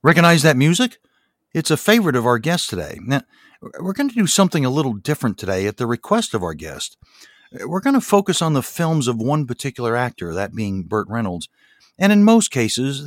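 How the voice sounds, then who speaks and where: A middle-aged or older man hosts a podcast, moving between a scripted intro and interviewing a guest. His medium-pitched voice is captured dry, at studio quality.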